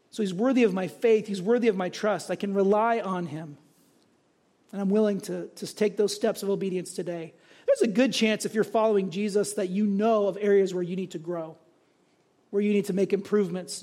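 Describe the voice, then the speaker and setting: Pastor, man, high voice, chatty sermon delivery with tag questions. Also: warm tone. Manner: conversational preaching with frequent tag questions.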